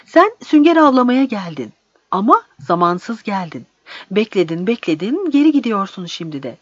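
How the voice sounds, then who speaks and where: A woman voicing an eager, friendly village boy who pleads in a raised, bright voice. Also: medium pitch, sing-song, normal speed, no echo. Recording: dry, slightly dull recording.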